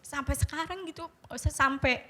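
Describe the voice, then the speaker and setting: A young woman in her twenties, a guest on a TV talk show, speaks softly and hesitantly with a fearful edge. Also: sits high, a little fast. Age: 20s. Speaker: guest seeking spiritual healing. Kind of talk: casual chat. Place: TV studio.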